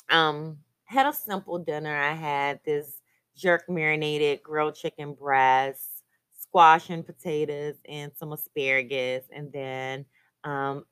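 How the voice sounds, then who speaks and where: A woman's voice: sits low, a bit bright, clear, resonant tone, no room sound. A woman hosting her own podcast, talking in an upbeat, chatty way. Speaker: podcast host. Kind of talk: casual solo podcast chat.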